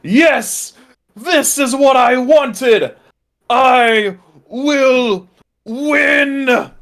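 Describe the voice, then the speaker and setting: A man's voice: very high-pitched, very slow, fairly bright tone, voice pushed up, exaggerated voice. A man voicing a maniacal, gloating cult leader in a tabletop game, ranting triumphantly like a mad scientist. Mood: maniacal triumph.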